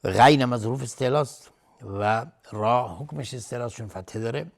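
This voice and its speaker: A man teaching Quran recitation, chanting verses slowly and melodically, then explaining the rules in quick, lower speech. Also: gravelly. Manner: melodic slow chanting, then rapid low-voiced explanations.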